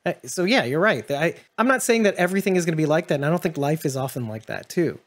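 A man's voice: fairly high pitch, animated, fast talker. A man hosting a casual TV discussion, reflective and musing, often restarting his sentences. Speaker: podcast host.

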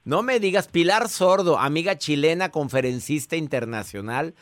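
A man's voice: fairly high pitch, expressive, moderate pace, dry recording. Playful male radio host. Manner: playful, teasing, warm banter. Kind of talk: radio call-in show.

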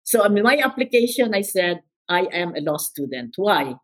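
An older Filipino woman with a Filipino accent tells her life story as an interview guest, speaking emphatically, repeating words and quoting others. Her voice is on the low side and sing-song, at normal speed.

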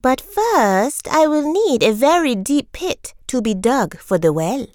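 A woman voicing a clever, kind-hearted female tortoise in a high, coaxing, sing-song voice for a storybook. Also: sing-song, a little slow, darkish tone, dry recording. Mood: urgent.

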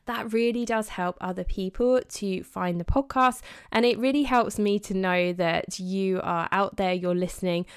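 A woman's voice: medium pitch, steady tone, normal speed, few pauses, clear, resonant tone. A middle-aged woman hosting a devotional podcast, speaking in a heartfelt, chatty way with many fillers. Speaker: podcast host.

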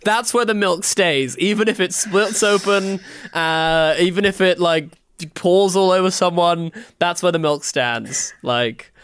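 A man co-hosting a podcast, chatting casually and rambling through animated stories with lots of fillers. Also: sits high, measured pace, clean tone. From United Kingdom. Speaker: podcast co-host. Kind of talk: casual chat.

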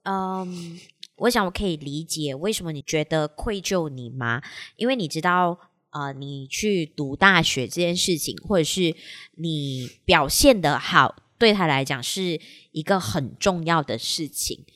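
A woman co-hosting a podcast, listening attentively and gently reflecting back on what her co-host says in casual chat. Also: deep voice, lively intonation, unhurried.

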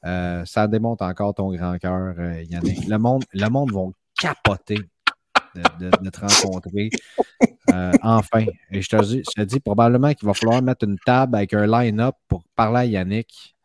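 Low-voiced Québécois man, joking co-host. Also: normal speed, background noise. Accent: Québécois French. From Quebec. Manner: joking, rambling, playful teasing. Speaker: podcast co-host. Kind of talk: casual chat.

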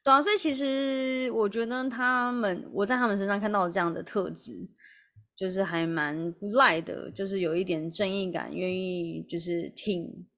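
A woman's voice: medium pitch, normal speed. A young woman, co-hosting a casual chat podcast and telling stories with frequent giggles. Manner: giggly, animated storyteller. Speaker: podcast co-host.

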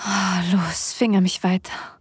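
A woman performing sensual ASMR role-play in a breathy, airy voice, speaking intimately and directly to the listener, close to the microphone. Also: fairly low pitch, level tone, measured pace, dry recording. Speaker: erotic audio performer. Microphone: close microphone, dry sound.

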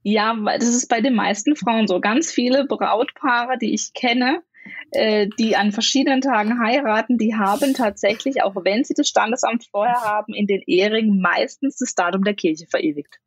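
A woman's voice: on the high side, moderate pace, slightly rough, dry recording, muffled recording. A woman in her thirties, a wedding planner, explaining things at length in a casual podcast chat, with many fillers. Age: 30s.

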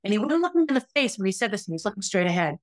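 A woman's voice: mid-range voice, big pitch swings, racing, no room sound. Emotional woman recounting a painful story. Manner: emotional, frustrated, candid. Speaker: podcast host, former teacher. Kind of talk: personal storytelling monologue.

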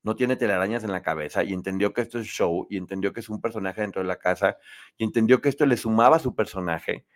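A man hosting a casual live show, chatting opinionatedly and reading viewer comments. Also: fast talker. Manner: chatty, opinionated, lively pitch swings.

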